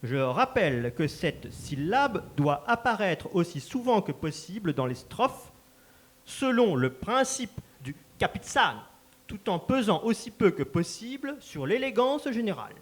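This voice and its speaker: A man's voice: high voice, sing-song, unhurried, full character voice. A man performing a formal, ceremonious master of a verbal joust in a live stage reading. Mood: solemn. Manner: formal, solemn announcer.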